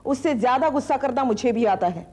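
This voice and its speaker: A woman's voice: sits high, expressive, fairly quick, dark tone. An actress playing a firm, protective old grandmother in a TV serial drama, scolding in a motherly way. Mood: stern. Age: older. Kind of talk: TV serial acting. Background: background music score.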